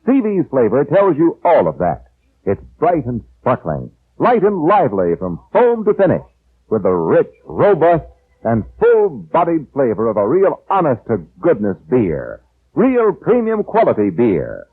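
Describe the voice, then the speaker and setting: Man, old radio show announcer, persuasive pitchman delivery, swooping pitch, thin phone-like vintage radio audio. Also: wildly swooping pitch, measured pace, husky. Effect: old radio broadcast sound. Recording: tinny lo-fi vintage radio broadcast.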